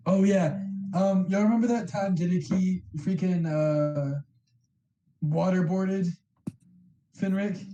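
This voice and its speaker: Slow, relaxed man in an echoey room. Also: high voice, muffled recording. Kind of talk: casual group chat.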